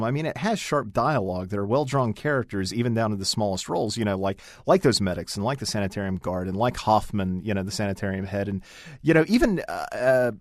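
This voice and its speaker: A man's voice: fairly low pitch, no echo, clean studio sound. A man hosting a podcast, talking articulately and with enthusiasm. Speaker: podcast host. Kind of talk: casual podcast chat.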